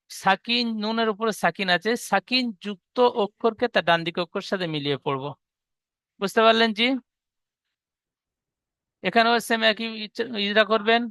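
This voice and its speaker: High, bright-voiced male teacher. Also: no echo. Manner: patient, repetitive step-by-step explaining. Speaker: Quran reading teacher. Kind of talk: online reading lesson.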